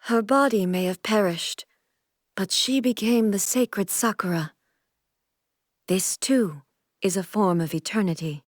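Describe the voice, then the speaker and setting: A woman performs scripted video game lines as a regal, stern deity ruler, lightly acted, with a solemn, commanding mood and a formal, stately, measured delivery. Her voice is mid-range, and the studio recording is clean with no room sound.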